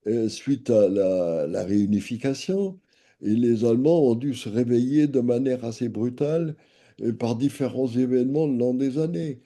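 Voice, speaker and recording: Brief: male panelist, very dark mellow tone, measured delivery. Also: medium pitch, lively intonation. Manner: measured, hedging with "si l'on veut". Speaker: panel speaker on defense. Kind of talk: conference panel discussion.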